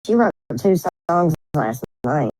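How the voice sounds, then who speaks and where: A woman on a livestream who talks slowly and swings her pitch widely, swearing and using slang as she goes. Her tone is mellow and dark, and the sound is dry and close. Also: no room sound, low-quality recording. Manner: animated, profane, slangy. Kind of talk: casual livestream chat.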